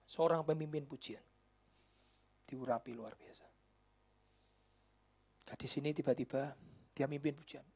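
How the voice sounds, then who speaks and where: A man, a pastor preaching a sermon and telling a story. He drops to a whisper when quoting people and rises to loud exclamations. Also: mid-range voice, steady tone, a little slow, gravelly, pauses often, breathy edge. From Indonesia. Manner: mixes in Javanese words. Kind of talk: sermon with acted-out dialogue.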